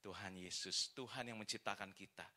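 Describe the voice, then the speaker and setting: A man preaching a sermon at a church service, telling stories in a lively way and often turning to the congregation. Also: fairly low pitch, brisk. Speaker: pastor.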